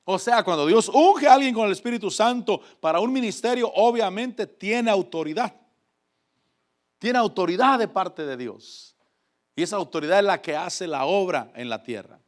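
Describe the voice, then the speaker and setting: A man preaching a fervent sermon, calling on the congregation to repeat after him and swinging between loud exhortation and soft asides. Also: sits high, expressive, moderate pace.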